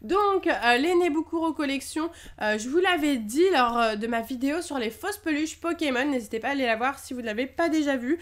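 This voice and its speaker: A woman's voice: high-pitched, lively intonation, fairly quick, hardly any pauses. A young French woman chatting through an unboxing vlog, enthusiastic, with many fillers. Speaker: YouTuber unboxing Pokémon lottery prizes.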